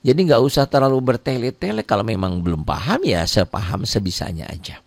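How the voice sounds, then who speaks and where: A middle-aged man running a relaxed live Quran lesson, answering viewers and acting out short exchanges in a chatty way. His voice sits fairly low but leaps around in pitch. The recording is close and dry, with no room sound. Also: gravelly, dry recording. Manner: casual, chatty teaching with quick pitch jumps and acted-out dialogue. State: tired. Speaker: Quran recitation teacher.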